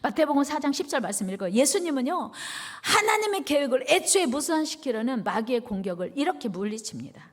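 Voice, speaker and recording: Animated woman pastor, high expressive voice. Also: fairly quick, few pauses. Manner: animated, call-and-response with congregation; emphatic repetition. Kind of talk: sermon.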